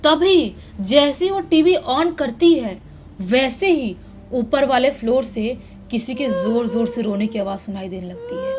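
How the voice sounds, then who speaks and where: A woman's voice: high-pitched, sing-song, a little slow, darkish tone, slight background noise. A woman narrating a horror story in a dramatic, suspense-building way.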